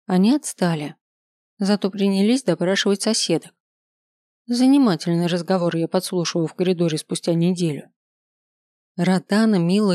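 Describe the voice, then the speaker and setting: A woman's voice: fairly low pitch, dark tone, no echo, clean studio sound. A woman narrating a first-person audiobook in a wry, sardonic manner.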